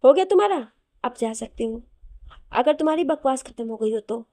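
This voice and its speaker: A woman's voice: on the high side, normal speed, mellow, no echo, lightly acted. A woman voicing a young wife who is hurt and reproachful toward her husband. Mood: bitter. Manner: cold, reproachful.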